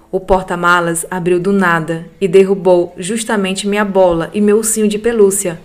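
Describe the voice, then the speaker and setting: Brazilian woman narrating ghost stories. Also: medium pitch. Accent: Brazilian Portuguese. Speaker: podcast narrator reading listener stories. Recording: faint music bed behind the voice.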